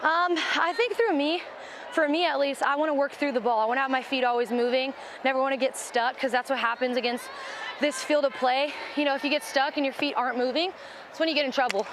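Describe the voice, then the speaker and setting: A young woman softball player, mic'd up in the field during a live game, talking brightly and a little out of breath. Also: high-pitched, fast. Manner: bubbly, upbeat, cheers teammates mid-play. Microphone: wireless body mic. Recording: noisy outdoor ballpark mic.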